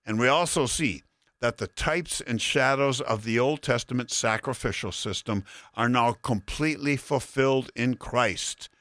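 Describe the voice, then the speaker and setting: A man preaching a sermon, expounding Bible verses in a deliberate, emphatic way to listeners. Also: mid-range voice, fairly bright tone, dry recording, clean studio sound. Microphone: broadcast sermon addressing listeners.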